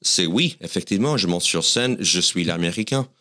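Animated and at a moderate pace, this deep-voiced man sounds pushed and bright as he speaks French in an American accent. A native English speaker from the United States, he's a comedian guest on an interview podcast, telling stories at his own expense.

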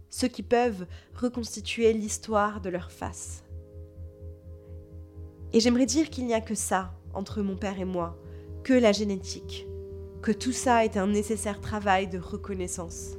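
A woman from Lebanon with a Parisian French accent reads a literary first-person narration in a measured, introspective manner. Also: fairly high pitch, darkish tone. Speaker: narrator telling her own story.

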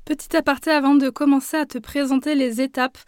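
High-pitched hoarse woman, slightly gravelly. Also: level tone, a little fast, no echo, studio quality. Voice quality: husky, slightly gravelly broken voice from being unwell. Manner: informal, direct address to the listener. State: hoarse with a mild illness. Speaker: podcast host and brand identity designer. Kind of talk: podcast monologue, explanatory, addressed to the listener.

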